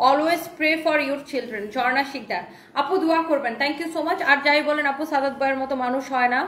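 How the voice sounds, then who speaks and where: Hosting a live stream to sell sarees, a woman from Bangladesh reads out viewer comments with enthusiastic, talkative energy. She has a high-pitched, slightly bright voice and a brisk delivery, heard in an echoey space.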